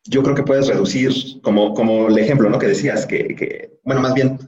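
A man's voice: mid-range voice, fairly even intonation, fairly quick, darkish tone, reverberant, dull audio. A man, interviewing and offering short, tentative answers. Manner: brief backchannel replies.

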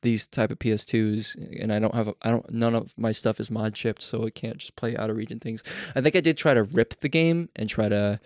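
A young man with a lowish voice talks in long, excited rambles, piling up one thought after another and then laughing at himself for going on too long. The recording is dry and close, with no room sound around him. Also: a little fast, hardly any pauses, no echo. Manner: rambling, enthusiastic, self-deprecating, laughs often. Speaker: podcast co-host. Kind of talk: casual chat.

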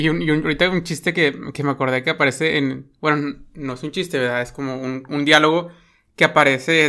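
A man with a Mexican accent talks through a favorite film scene in loose, rambling chat, leaning on fillers and tag questions. His voice sits a little high and comes across bright and crisp. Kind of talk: casual film discussion.

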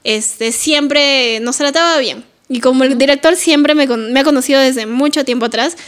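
High-voiced woman, chatty. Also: normal speed, fairly bright tone. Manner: chatty, playful, laughs easily. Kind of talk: casual conversation.

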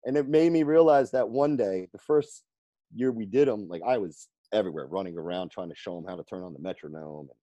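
A man who coaches firefighters on fitness, telling stories in an interview, lively and laughing often as he acts out the people he quotes. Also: sits low, brisk, no echo, highs cut off. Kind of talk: storytelling in a conversational interview.

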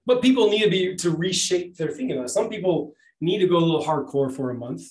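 A rambling male co-host talks diet in loose, casual asides. His voice sits a bit high, and the room around him is echoey. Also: expressive, fast, a little mellow. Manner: rambling, loose, with many "you know what I'm saying" asides. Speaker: podcast co-host. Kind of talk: casual podcast chat. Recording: roomy echo.

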